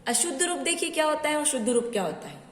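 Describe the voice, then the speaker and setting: Woman teacher, drilling a class, somewhat high voice, long reverb. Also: very animated, slight background noise. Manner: repeats each definition slowly, drills letters one by one; mixes English words into Hindi. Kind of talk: recorded online grammar lesson. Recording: echoey room with long reverb.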